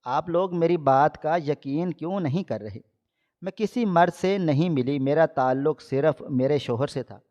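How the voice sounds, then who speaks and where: A man's voice: a little high, a little mellow, close to an everyday voice. A man voicing a young married woman who pleads with her family, read in his own plain voice. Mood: pleading. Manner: pleading, insistent. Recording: dull lo-fi audio.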